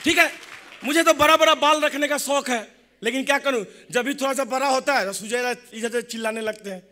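A young man giving a motivational talk, telling jokes and stories in an animated way. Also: very high-pitched, a little fast, some chatter behind. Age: young adult. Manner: animated, joking storytelling. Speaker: motivational speaker.

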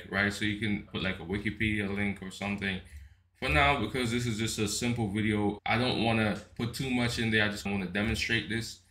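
A man's voice: lowish voice, pushed and bright, a little hiss or hum. A man hosting a casual tech tutorial, walking through a program step by step with chatty "right?" tags and frequent restarts. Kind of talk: casual screen-recorded software walkthrough.

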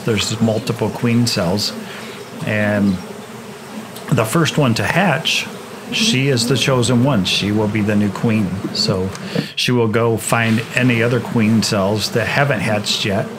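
A man explaining swarming while working his beehives in a grassy yard, in a relaxed manner with frequent restarts. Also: on the low side, noisy background. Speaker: beekeeper, channel host. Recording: outdoor recording with insect buzz behind.

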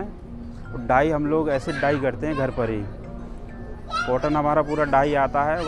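Weaver, thirties, man; even, level delivery, clear music in the background, lapel mic. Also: mid-range voice. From Madhya Pradesh, India. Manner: plain, steady explaining. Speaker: handloom sari weaver. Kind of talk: interview. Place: exhibition stall, indoors.

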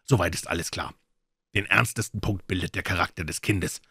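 Man, low voice, husky tone, dry close recording, calm audiobook narration. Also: a little fast, no echo. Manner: calm storytelling reading. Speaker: audiobook reader. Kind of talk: scripted narration.

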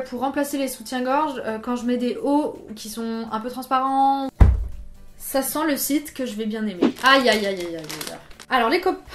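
A woman's voice: fairly high pitch, reverberant. A young woman from France chatting casually through a clothing try-on haul, jokey and self-mocking. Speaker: fashion YouTuber. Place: room indoors under artificial lights.

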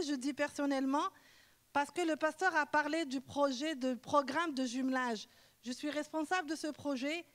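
A woman with a high voice thanks a congregation in an earnest, emphatic way. She speaks as the person who runs a church project. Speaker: project coordinator. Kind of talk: thank-you speech to a congregation.

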